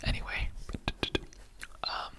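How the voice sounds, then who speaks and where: A whispering ASMR performer plays a laid-back, slightly offended skeleton, speaking at a slow pace. The skeleton's talk rambles along, conversational and full of slang.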